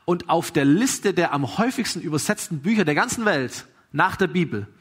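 A man preaching a sermon, telling a story with emphatic rises and hushed drops. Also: a little high, animated, a little fast, breathy edge. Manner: emphatic, swings from raised to hushed. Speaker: pastor.

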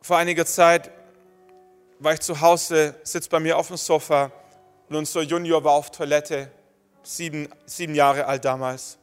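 A man's voice: a little high, level tone, a little slow, smooth. A man preaching a sermon to his congregation, emphatic and building in short repeated phrases. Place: church hall. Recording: long church-hall reverb, faint music.

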